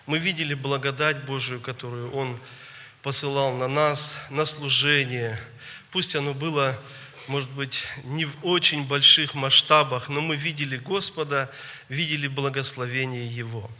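A man's voice: medium pitch, fairly even intonation, moderate pace, sharp tone. Earnest man in a reverberant hall. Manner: earnest, storytelling, uses pious phrases. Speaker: church minister giving a regional report. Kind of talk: report to a church gathering. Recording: long reverb of a large hall.

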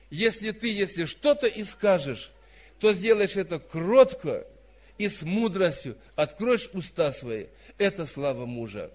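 A man in his fifties preaching a sermon, emphatic, dropping to soft asides and then rising to loud stressed phrases. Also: sits high. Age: 50s.

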